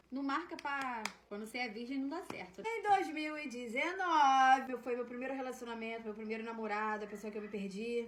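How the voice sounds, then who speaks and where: Fast-talking high-voiced woman, echoey room. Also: fairly bright tone, a little hiss or hum. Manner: chatty, self-mocking. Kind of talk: casual confessional storytelling.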